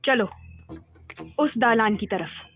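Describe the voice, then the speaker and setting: A woman's voice: fairly high pitch, animated, slow pace, fairly bright tone, soft background music. A woman playing a bossy young noblewoman. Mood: commanding. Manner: commanding, curt. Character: proud, bossy young woman, chieftain's granddaughter.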